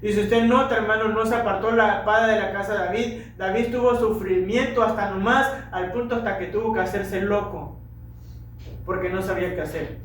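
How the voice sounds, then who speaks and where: A man's voice: high-pitched, fairly even intonation, a little fast, fairly bright tone, a little hiss or hum. A man preaching a sermon, addressing his listeners directly with rhetorical questions. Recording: echoey hall from far off.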